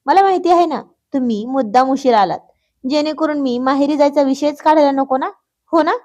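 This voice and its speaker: A pouting young wife, sulky and coy with her husband, as a woman narrator plays her. Her voice is warm and mellow, pitched a little high. It sounds like dialogue read in a family storybook. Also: fairly even intonation, moderate pace. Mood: angry. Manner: pouty, coy.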